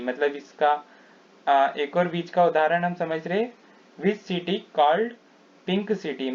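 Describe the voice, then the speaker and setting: Male teacher, very slow deliberate delivery, slightly high voice, dull lo-fi sound. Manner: repeats each word and meaning, reads examples slowly. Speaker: English teacher. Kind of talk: slow spoken grammar lesson. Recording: dull lo-fi recording.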